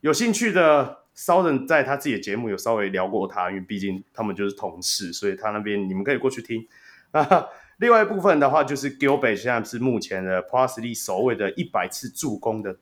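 A man's voice: mid-range voice, big pitch swings, fairly quick. A man with a Taiwanese Mandarin accent hosting a casual sports podcast, telling stories animatedly and laughing often. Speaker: podcast host.

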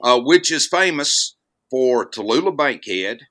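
An older man with the folksy manner of a Southern gentleman and a Southern American accent. He talks slowly in a bright, forward voice at a middle pitch, as a guest in a casual interview. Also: expressive. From Alabama, United States. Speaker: podcast guest, actor.

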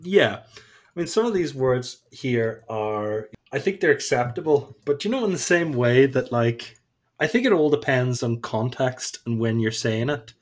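A man's voice: mid-range voice, expressive, a little slow. A man in casual chat who laughs often, mimics silly voices and swears casually.

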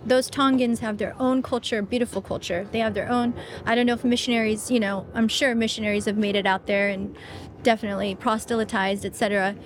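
Chatty, animated woman guest. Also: on the high side, brisk, slight background noise. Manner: animated, chatty, many fillers. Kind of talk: casual conversation about faith.

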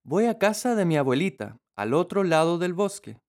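Guy doing a squeaky sweet little girl, eager and sing-songy, storybook style. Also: sing-song, moderate pace, a little mellow. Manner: high, eager, sing-song.

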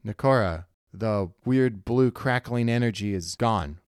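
A man's voice: fairly low pitch, measured pace, clear, resonant tone, no echo, studio quality, voice pushed up, close to an everyday voice. A man voicing a determined female spaceship crewmate who talks in an urgent, pressing way.

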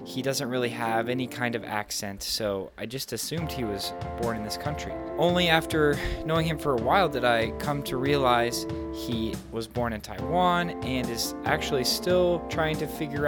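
A man hosting a podcast, friendly and upbeat, moving from a scripted introduction to loose, halting interview questions. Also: medium pitch. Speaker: podcast host.

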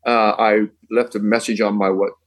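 A man's voice: fairly low pitch, little pitch movement, normal speed, low-quality recording. An older man from England, a songwriter guest telling long, rambling anecdotes in casual podcast chat, dropping British slang.

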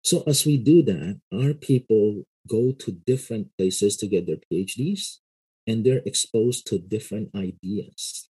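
A middle-aged man, a pastor and seminary lecturer, explaining his views in a casual interview in a measured way, often adding "you know". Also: lowish voice, darkish tone, breathy edge, rough recording.

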